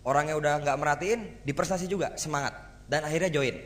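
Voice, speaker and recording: A man giving a motivational seminar talk to a live audience, energetic and rhetorical, often asking the crowd for agreement. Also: on the high side, quick pace. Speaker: motivational speaker. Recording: hall reverb.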